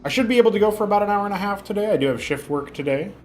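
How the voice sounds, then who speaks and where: This young streamer races through a casual livestream chat in a high, a little mellow voice with lively intonation. He rambles, uses fillers and restarts, and keeps a lingering cough, while soft music plays underneath.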